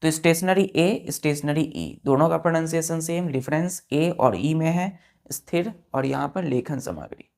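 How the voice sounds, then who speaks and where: A woman's voice: sits low, moderate pace, gravelly, darkish tone. A woman with an Indian accent teaching vocabulary in a patient classroom manner, spelling words letter by letter and checking that the students follow.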